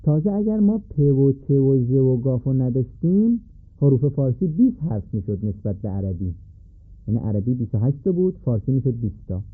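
A man gives a measured lesson and often puts questions to his students. His voice is husky and a little breathy. The sound is narrow and tinny, like a phone line. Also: medium pitch, big pitch swings. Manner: measured, asks questions to the listener. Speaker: teacher. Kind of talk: recorded lesson on letter pronunciation. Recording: phone-like narrow band recording.

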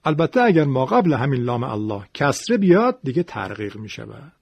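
Male recitation teacher, husky, very lively pitch, patient explainer; dull lo-fi recording. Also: dry recording. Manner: patient explaining, demonstrating pronunciation aloud. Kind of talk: classroom-style lecture.

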